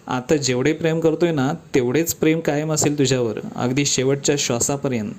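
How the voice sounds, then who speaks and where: A man voicing a gentle, devoted young rickshaw driver who talks in an earnest, reassuring, fond way. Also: a little high, fairly even intonation, brisk, a little hiss or hum, natural voice.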